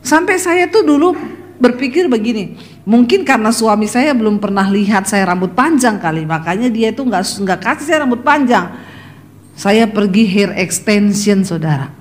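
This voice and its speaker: A woman's voice: mid-range voice, lively intonation, normal speed. A middle-aged woman delivers a sermon full of personal stories. She tells them vividly, slipping into her family members' voices and turning often to address the congregation directly. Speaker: preacher.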